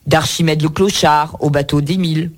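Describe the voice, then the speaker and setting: A man's voice: a little high, fairly even intonation, normal speed. A man hosting a radio book segment, presenting a cookbook in a chatty way with playful asides. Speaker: radio book show host. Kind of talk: reviewing books on air.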